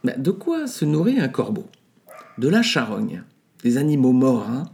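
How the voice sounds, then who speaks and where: A man with a gravelly, mellow voice hosts a Bible podcast. He reads scripture aloud and then explains it in an unhurried teaching manner. He often pauses on fillers and adds small asides. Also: medium pitch, huge pitch swings. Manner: unhurried, many hesitations and asides. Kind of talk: scripture reading and commentary.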